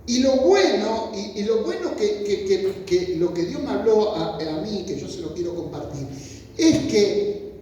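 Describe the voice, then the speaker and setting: Rioplatense preacher in an echoey hall. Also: male voice, high voice, expressive, unhurried, dark tone, far from the mic, slight background noise. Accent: Rioplatense Spanish. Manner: informal storytelling preaching, acts out pleading voices. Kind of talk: sermon. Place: church meeting hall.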